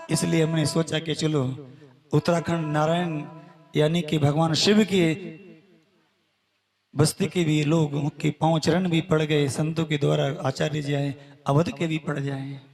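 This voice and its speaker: A man telling a devotional story in an emotional, sing-song sermon at a live village gathering, over instrumental music. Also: a little high. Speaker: religious storyteller.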